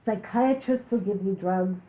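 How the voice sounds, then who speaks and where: A woman's voice: mid-range voice, a little slow. A woman giving a talk on living with chronic illness, telling candid personal stories with jokes. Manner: candid, joking storyteller. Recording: lo-fi, phone-like recording.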